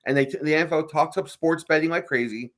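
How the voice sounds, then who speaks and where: A man's voice: a little high, a bit bright. A man co-hosting a sports talk show, making emphatic points and often asking "right?". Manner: fast, emphatic, fills with "right?".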